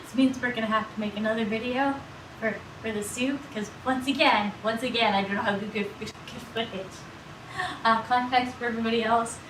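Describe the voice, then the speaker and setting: A middle-aged woman cooks on a livestream in a small indoor kitchen, chatting playfully and casually, rambling and often repeating her words. Her voice is on the high side with a steady tone and a fairly quick pace. The mic sits several feet away, so the recording has roomy echo and background noise.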